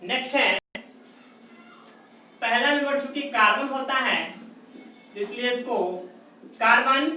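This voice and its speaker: High, bright-voiced male chemistry teacher. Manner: repeats mnemonics slowly, checks in with "theek hai". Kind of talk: classroom lecture with memory tricks. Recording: far-off echoey room with faint noise.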